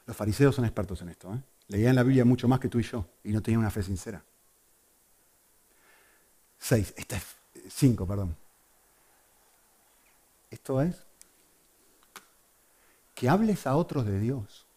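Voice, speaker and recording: A man preaching a sermon to a congregation, swinging between loud emphasis and hushed asides. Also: mid-range voice, animated, moderate pace, pauses often.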